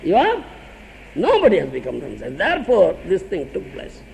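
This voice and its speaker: An older man with an Odia accent preaches in a high, gravelly voice that rises and falls with lively energy. He laughs often and keeps turning to his listeners with questions. Faint room noise sits behind him. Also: fairly quick, long reverb tail, rough recording. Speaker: spiritual teacher. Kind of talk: sermon.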